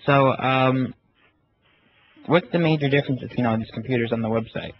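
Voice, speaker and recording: A man speaking casually and haltingly, asking questions in the manner of a phone inquiry. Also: mid-range voice. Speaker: prank caller. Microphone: phone call. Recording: muffled, noisy phone call recording.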